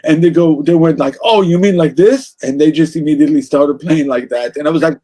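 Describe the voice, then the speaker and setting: A man's voice: on the high side, a little fast, dark tone. A man with an Israeli accent, speaking as an interview guest about music in a passionate, rambling way with many restarts. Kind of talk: casual interview conversation.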